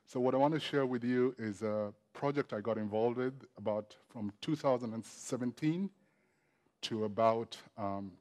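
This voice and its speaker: A man opening a talk to an audience, relaxed and conversational. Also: mid-range voice, normal speed. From Kenya. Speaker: guest speaker. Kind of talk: lecture opening.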